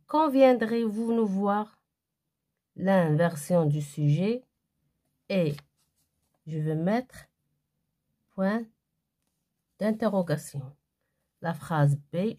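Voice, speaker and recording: Slow, low-voiced woman teaching grammar. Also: mellow. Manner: slow and deliberate, reading aloud then answering each exercise. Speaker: primary school teacher. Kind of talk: grammar lesson reading textbook exercises.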